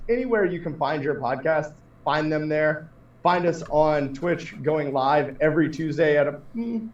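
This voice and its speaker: A man hosts a relaxed podcast in a loose, joking way that sometimes turns profane. His voice is a little high and sits back from the mic. The room echoes, and the sound is dull and lo-fi. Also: recorded from a distance. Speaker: podcast host. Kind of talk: casual podcast banter.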